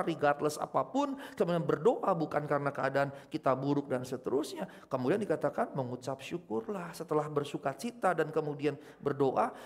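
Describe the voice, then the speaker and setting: A middle-aged man preaches in a church with a somewhat high-pitched voice. His delivery is conversational rather than formal. He swings between loud, emphatic exclamations and soft, intimate asides to the congregation. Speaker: pastor. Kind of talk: sermon.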